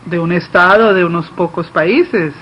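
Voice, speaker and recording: A man giving live simultaneous interpretation of a political speech, delivered haltingly, phrase by phrase. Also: high-pitched. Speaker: conference interpreter. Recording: dull lo-fi feed, faint background noise.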